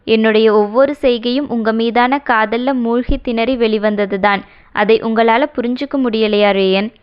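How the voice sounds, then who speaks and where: A woman's voice: fairly high pitch, steady tone, moderate pace, smooth, highs cut off, close to an everyday voice. A woman voicing a tender young wife who pleads with her husband in an audiobook romance. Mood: earnest. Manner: emotional pleading dialogue.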